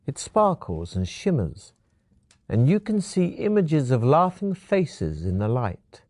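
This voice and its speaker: A man narrating a fantasy gamebook adventure in the second person, in a measured storytelling manner. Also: medium pitch, wildly swooping pitch, a little mellow, no room sound.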